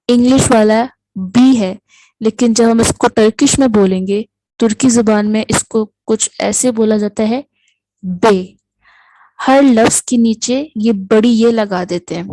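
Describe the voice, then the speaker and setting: A woman's voice: fairly high pitch, mellow, no echo, low-quality recording. A woman teaching the alphabet of a new language, patiently saying each letter sound and repeating it. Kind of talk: alphabet lesson, slow explanation.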